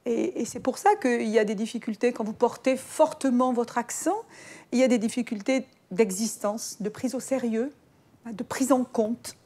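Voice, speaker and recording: A woman's voice: a little high, moderate pace, mellow. Woman with a Marseille accent. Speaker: former minister. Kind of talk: interview.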